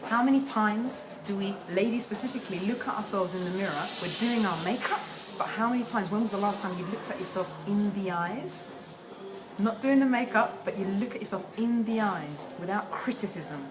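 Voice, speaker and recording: A woman's voice: mid-range voice, brisk. A woman in her thirties from South America, a relationship facilitator telling her story in an earnest, reflective way. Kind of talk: casual conversation. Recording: echoey room with loud ambient noise.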